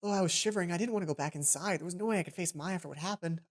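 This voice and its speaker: Over game music, a woman with a fairly low voice speaks rapid-fire in a casual let's play, commenting playfully and reading visual novel text aloud.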